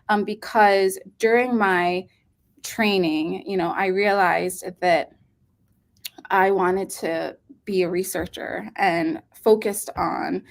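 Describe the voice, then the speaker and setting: A woman in her thirties from Hawaii, speaking as a pediatric nephrologist guest in an earnest, unhurried way with many um fillers. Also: medium pitch. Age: 30s. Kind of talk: casual interview talk.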